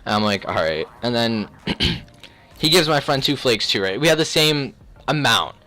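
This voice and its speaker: A young man telling a personal story in a casual, rambling, slangy way, often clearing his throat. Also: mid-range voice, animated, unhurried, bright, forceful tone. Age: young adult. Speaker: video creator.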